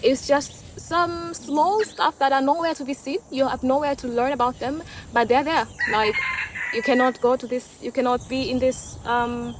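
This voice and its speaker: Background noise sits behind this young Tanzanian woman, who speaks English with a Tanzanian accent and whose first language is Swahili. Her high voice keeps a fairly even intonation at a moderate pace as she gives her opinions in a casual, reflective vlog, often restarting and repeating words.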